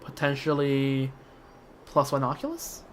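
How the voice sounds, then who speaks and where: A game player giving casual playthrough commentary in low-key, muttered asides. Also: measured pace, slight background noise. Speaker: gamer narrating a playthrough. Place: voice-over on game audio.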